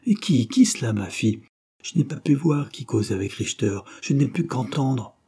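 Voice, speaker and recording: A man voicing a stubborn old male rebel farmer in a storybook reading, gruff and urgent. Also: medium pitch, expressive, normal speed, warm tone, voice pushed up.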